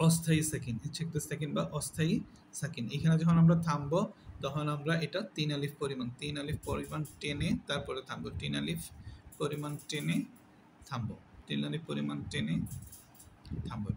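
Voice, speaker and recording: Slow, repetitive man teaching recitation. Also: fairly high pitch, gravelly, a little hiss or hum. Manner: repeats words slowly, asks and answers himself. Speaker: Quran tajweed teacher. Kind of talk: slow step-by-step lesson.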